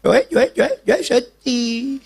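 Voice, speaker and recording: A man's voice: very high voice, slow, creaky, a little mellow, breathy edge, voice pushed up, exaggerated voice. A man voicing a sad little boy whose toy was taken, in a sermon story. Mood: whimpering.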